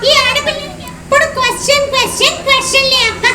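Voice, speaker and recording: A puppeteer speaks as Andy, a mischievous little boy puppet, in a high squeaky voice that's steady in tone and a little fast. Chatty and teasing, Andy addresses the kids and calls everyone brother. The live children's puppet show is recorded from far away in an echoey hall with loud crowd noise.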